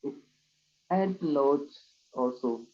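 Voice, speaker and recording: A man's voice: a little high, animated, drawn-out words, warm tone. A man taking part in a workshop, asking questions and commenting hesitantly over a video call. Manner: hesitant, with fillers. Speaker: workshop participant. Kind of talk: casual discussion. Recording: dull video-call audio.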